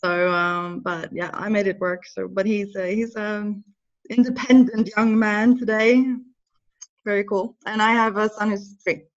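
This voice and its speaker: A Norwegian hair and makeup educator in her thirties, whose accent blends Norwegian with Bristol English, speaks haltingly as an interview guest and laughs often. Her mid-range voice holds a steady tone on a dull, lo-fi recording.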